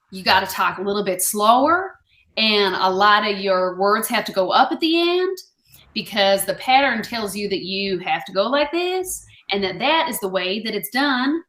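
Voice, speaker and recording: A woman voicing an easygoing Texan, with wide drawn-out vowels and phrases that rise at the end. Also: mid-range voice, expressive, bright, forceful tone, echoey room. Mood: easygoing, drawling. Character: drawling, easygoing Texan explaining local speech.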